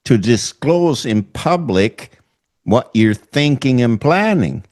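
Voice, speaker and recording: A middle-aged man from northern Sweden with a Swedish accent, hosting an online interview in a slow, halting way with many fillers. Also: medium pitch, lively intonation, a little mellow. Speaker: host.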